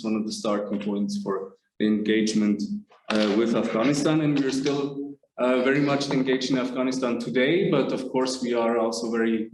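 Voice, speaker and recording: Male moderator, mid-pitched, formal and halting, echoey room with faint noise. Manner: hesitant, many filler sounds. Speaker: roundtable moderator. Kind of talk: formal opening remarks.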